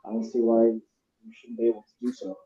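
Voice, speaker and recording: A man's voice: medium pitch, big pitch swings, quick pace, vocal fry, mellow. A man chatting casually about boxing in a laid-back, slangy way, heard through a bad mic that sounds muffled and underwater. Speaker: boxing talk panelist. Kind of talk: casual chat. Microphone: poor headset or bluetooth mic. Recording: muffled echoey lo-fi stream mic.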